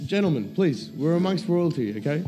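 A man hosting a casual chat, animated and crude, firing off quick questions and jokes. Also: a little high, long reverb tail, loud music behind the voice. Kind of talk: casual banter.

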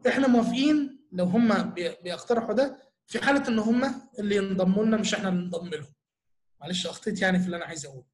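Egyptian male church teacher, high voice, quick, earnest Q&A explainer. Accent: Egyptian Arabic. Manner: earnest, explanatory, full of rhetorical questions. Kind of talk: answering audience questions in a talk.

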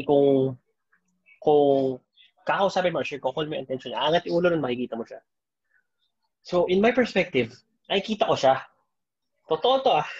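Husky man telling a story. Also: a little high, highs cut off. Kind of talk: casual storytelling chat.

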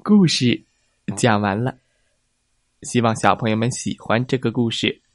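A young adult man narrating a children's story in a gentle, clear way, speaking to children. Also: mid-range voice, measured pace, dry recording, studio quality.

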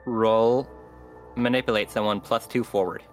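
A man's voice: fairly low pitch, fairly even intonation, moderate pace, soft background music. A man narrating as game master, hesitant with many fillers.

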